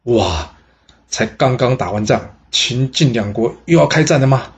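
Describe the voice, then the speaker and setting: Guy telling an old history story, lively and exclamatory, lots of drawn-out "ah"s. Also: mid-range voice. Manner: exclamatory, many drawn-out particles.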